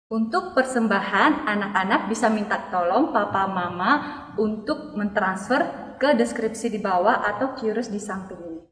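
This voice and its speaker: A woman leading a children's church service, giving calm, measured announcements. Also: mid-range voice, reverberant, big-room sound, recorded from a distance. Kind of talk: scripted announcements.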